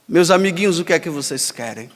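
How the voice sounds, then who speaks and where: A man voicing a jolly old male cartoon genie who chuckles a deep ho ho ho. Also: animated, fast, lightly acted. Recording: long hall reverb.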